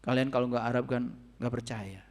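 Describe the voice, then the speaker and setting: A man giving a spiritual sermon to a congregation, asking the audience questions and swinging between soft and loud passages. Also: mid-range voice, fairly even intonation, fairly quick. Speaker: religious teacher. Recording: long reverb of a hall.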